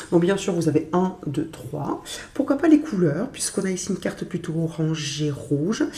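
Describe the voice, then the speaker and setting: Woman with a cold, gentle chatty tarot reader. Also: medium pitch, roomy sound. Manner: gentle, chatty, with many fillers. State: stuffy with a cold. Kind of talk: casual tarot reading to camera.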